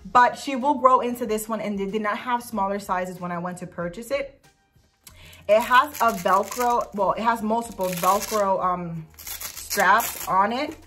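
A woman's voice: mid-range voice, measured pace, bright, forceful tone. A young woman chatting casually in a vlog as she shows off dog clothes, gushing and sometimes cooing. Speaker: vlogger showing dog clothes. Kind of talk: casual product review vlog.

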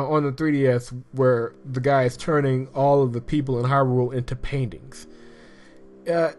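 Man, game playthrough host, rambling commentary, hesitant, mid pitch. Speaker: let's play host. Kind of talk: game read-through with commentary.

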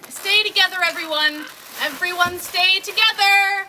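A woman's voice: sits high, animated, brisk. A woman playing an eager teenage girl. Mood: calling out. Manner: confiding, breathless, and calls out loudly to children. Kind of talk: stage play with monologue to the audience. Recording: loud background noise.

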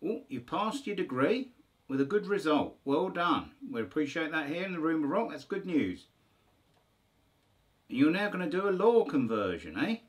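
A man's voice: on the high side, very animated, moderate pace. A man hosting a band video, chatting jokily to viewers and acting out a phone call in a music room. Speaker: band host. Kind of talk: casual chat.

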